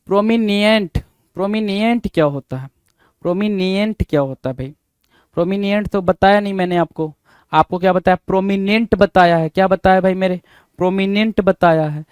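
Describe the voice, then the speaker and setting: A man's voice: high-pitched, darkish tone, clean tone, dry recording. A man teaching an English spelling lesson, spelling words out letter by letter and asking and answering his own questions.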